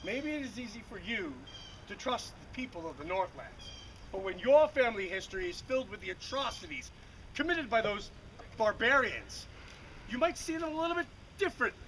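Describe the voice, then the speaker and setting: A bitter, loyal warden acted by a man declaims in formal renaissance faire style. The voice is fairly high and sharp, earnest and dutiful. Faint outdoor noise sits behind it. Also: animated, fairly quick, rough recording. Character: bitter, dutiful warden companion to a lady mage. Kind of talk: live renaissance faire stage acting, formal old-fashioned fantasy speech. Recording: outdoor live recording with faint ambient noise.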